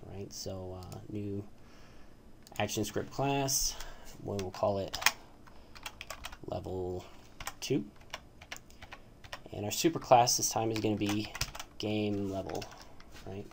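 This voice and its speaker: A man's voice: fairly low pitch, takes it slowly, gravelly, long pauses, noisy background. A man giving a casual, hesitant coding tutorial, full of fillers and asking "right?" as he walks through his screen. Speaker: tutorial host.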